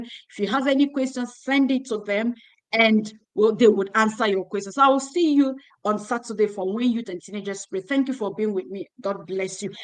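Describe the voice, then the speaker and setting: The host of a youth ministry livestream, a woman with a medium-pitched voice, delivers closing remarks on a phone held in her hand. She urges young women on in a repetitive, preacherly style, and the audio quality is poor.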